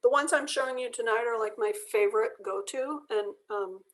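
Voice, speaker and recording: A woman's voice: on the high side, brisk. Chatty woman teaching a drawing class online. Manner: relaxed, chatty, explains step by step. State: losing her voice. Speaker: art workshop instructor. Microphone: video call.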